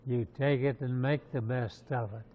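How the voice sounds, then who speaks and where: A man's voice: medium pitch, fairly even intonation, moderate pace. An American man in his nineties, a war veteran from Montana, reflectively recalling his past in an interview. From Montana, USA. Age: 90s. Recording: slightly dull interview sound.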